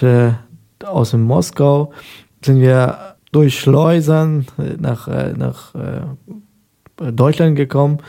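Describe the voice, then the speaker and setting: His voice is mid-range, creaky and warm. On a local radio program, this Afghan man in his thirties relates his story in a relaxed interview, faltering often and leaning on lots of filler words.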